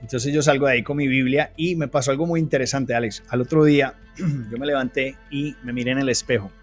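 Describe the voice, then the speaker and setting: A man's voice: medium pitch, fairly even intonation, fast talker, faint music behind. A man telling his personal testimony in an interview, earnest and full of restarts. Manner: earnest storytelling, frequent restarts.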